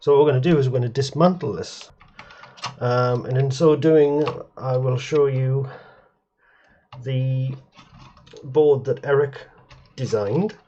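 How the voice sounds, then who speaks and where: With a warm, steady, medium-pitched voice, a retro computer hobbyist talks a little slowly through an informal hardware show-and-tell at his home workbench. He meanders, hesitates and often revises what he's saying mid-sentence. Slight background noise accompanies a somewhat muffled, dull recording.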